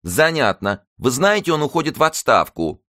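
A man's voice: mid-range voice, sing-song, normal speed, pushed and bright, no room sound, studio quality, pitched above the performer's own voice. A man reading an audiobook, voicing a fussy, effeminate middle-aged shopkeeper in an affected manner. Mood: prying.

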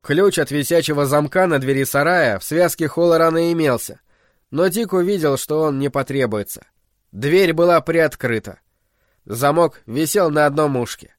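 A man's voice: fairly high pitch, normal speed, dry recording, studio quality. Man narrating an audiobook. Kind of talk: scripted narration.

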